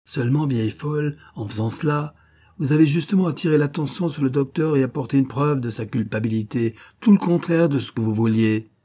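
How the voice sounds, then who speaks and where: A man's voice: medium pitch, fairly quick, mellow, voice pushed up, natural voice. A man voicing a cruel, sneering German SS lieutenant who barks and mocks, dropping German exclamations. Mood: contemptuous. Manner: barking, mocking, with German exclamations.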